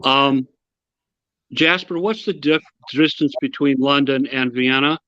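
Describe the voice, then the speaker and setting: A man's voice: medium pitch, unhurried, sharp tone, no room sound, dull audio. A man hosting a live online interview, asking brief prompting questions over a call. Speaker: host.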